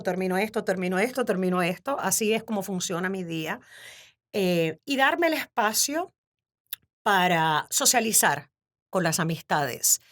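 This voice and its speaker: A Cuban woman in her fifties, speaking in an animated, laughing way as a guest in a casual interview. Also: medium pitch. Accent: Cuban Spanish. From Cuba. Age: 50s. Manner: warm, animated storytelling with frequent laughter. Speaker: podcast guest.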